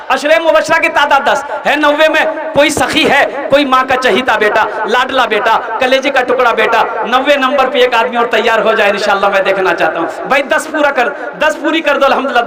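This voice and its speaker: A man from Kolkata preaching a sermon at a madrasa fundraiser, mixing loud, animated appeals with comic storytelling. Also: very high-pitched, brisk, hardly any pauses, crowd noise. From Kolkata, India. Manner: loud, animated, sing-song appeals and audience call-outs. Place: large religious gathering broadcast live. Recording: echoey loudspeaker with long hall reverb.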